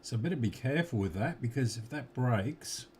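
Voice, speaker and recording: With a mid-range, expressive, darkish voice, an Australian hobbyist fixes a radio at his workbench, slowly muttering to himself as he goes. Sometimes he talks with his mouth full, and there's slight background noise.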